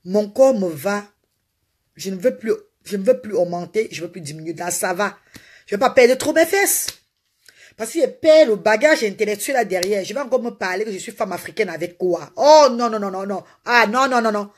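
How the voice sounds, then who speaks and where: A woman's voice: mid-range voice, animated, a little fast, breathy edge. A woman hosting a casual live stream, talking animatedly and repetitively to her viewers and greeting them by name. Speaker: live-stream host selling a slimming potion.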